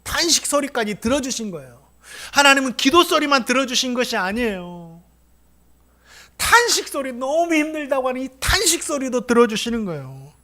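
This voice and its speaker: A middle-aged male pastor preaching a sermon in a high, bright voice. He asks his congregation questions and swings from hushed, close talk to loud, impassioned appeals. His tone stays ringing and forward throughout. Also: very animated, normal speed. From Korea.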